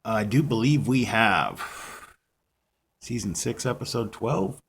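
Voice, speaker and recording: A vlogger rants casually to camera about a TV episode, rambling and self-deprecating, full of "you know"s and restarts. His medium-pitched voice is slow and animated, gravelly, husky and a bit bright.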